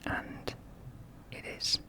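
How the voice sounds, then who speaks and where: This is a slow, quiet ASMR whisper from a creator based in Finland who speaks with a Finnish accent. Light laughter surfaces here and there.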